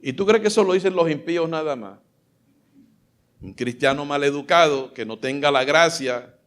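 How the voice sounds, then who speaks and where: A man preaching a sermon as pastor, fervent, swinging between loud exclamations and soft asides. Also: on the high side, normal speed.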